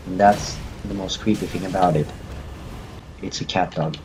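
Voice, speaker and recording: A man's voice: deep voice, steady tone, moderate pace, noisy background. A man hosting a let's-play video, talking through the game in jumpy bursts, repeating phrases to himself and talking back to the game characters. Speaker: gaming channel host. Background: game music.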